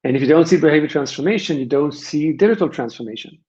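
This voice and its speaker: A fast-talking, animated man with a fairly high, darkish voice and an Israeli accent gives a conversational webinar presentation for a software vendor. He drives his points home emphatically through repeated phrases. The sound quality is dull and band-limited.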